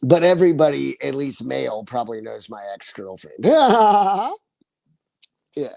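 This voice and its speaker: A man's voice: mid-range voice, sing-song, a little slow, creaky, darkish tone, no echo. A man in his forties chatting casually on his livestream, rambling, laughing often and swearing freely. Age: 40s. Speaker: livestream host.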